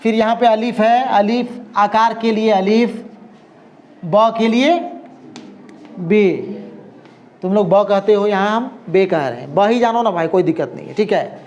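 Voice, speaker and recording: A man teaching an Urdu class, explaining slowly and often checking that his students follow. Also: high voice, a little mellow. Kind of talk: classroom lesson.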